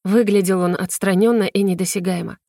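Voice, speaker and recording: A woman reading a first-person fantasy novel aloud in an even, measured way. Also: medium pitch, no room sound, clean studio sound. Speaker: audiobook narrator.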